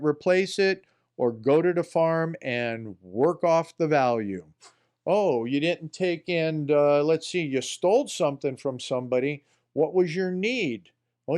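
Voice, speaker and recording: A man's voice: on the high side, a little mellow, clear, resonant tone. A man hosting a political commentary show in a folksy, rambling style, often talking to himself. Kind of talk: casual spoken commentary.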